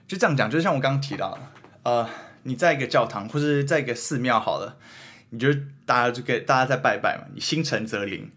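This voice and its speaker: Young taiwanese guy hosting a podcast, husky voice, rattles along fast, earnest and rambly. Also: mid-range voice, fairly bright tone. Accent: Taiwanese Mandarin. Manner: earnest, rambling, self-questioning. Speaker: podcast host. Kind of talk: casual chat.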